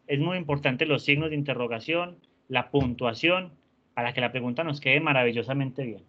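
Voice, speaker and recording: A man teaching an online class, patient and encouraging, often softening words with diminutives. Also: a little high. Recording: dull lo-fi sound.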